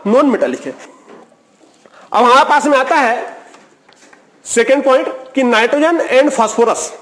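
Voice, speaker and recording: A man with a high voice teaches a recorded chemistry lecture. He poses questions to the class and answers them himself. He repeats key terms over and over as he explains.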